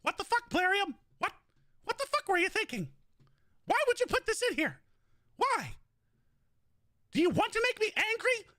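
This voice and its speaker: A man putting on the high, giddy voice of a mischievous cartoon mouse, throwing mock-angry taunts at a game company. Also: sing-song, moderate pace, long pauses, sharp tone, dry recording, studio quality, heavily acted.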